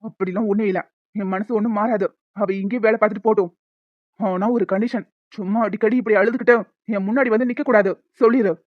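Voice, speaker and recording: A woman voicing a hot-tempered young man in a cartoon, scolding and quick. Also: medium pitch, steady tone, no room sound, lightly acted. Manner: scolding, fast. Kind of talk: cartoon dialogue. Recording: dull lo-fi dry sound.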